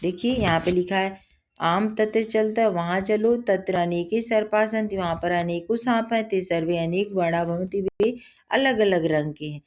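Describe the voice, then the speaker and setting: A woman's voice: mid-range voice, normal speed, darkish tone, dull audio. A woman teacher reading a Sanskrit school lesson aloud and explaining it line by line in Hindi, often turning to address the children.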